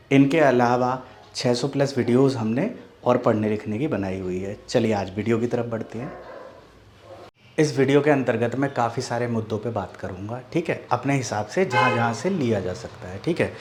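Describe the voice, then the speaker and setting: A man's voice: medium pitch, slight background noise. Casting note: a male Hindi teacher from the Mithila region, patient and explanatory, who repeats example words and often checks that the class follows. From Mithila region, India. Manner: explains step by step, often asks "do you follow?" and repeats "ठीक है"; says example sounds and words slowly and repeats them. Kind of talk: online video lesson.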